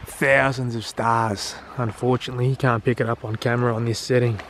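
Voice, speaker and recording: A man's voice: mid-range voice, flat delivery, a little fast, noisy background. An Australian man talking casually on a travel vlog, blunt and crude, swearing freely and joking about himself. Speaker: travel vlogger.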